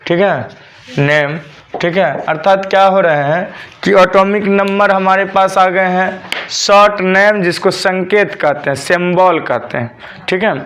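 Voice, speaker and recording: A man's voice: high voice, fairly even intonation, unhurried, fairly bright tone. A male teacher, giving a classroom lesson and drilling students with repeated questions for them to answer back.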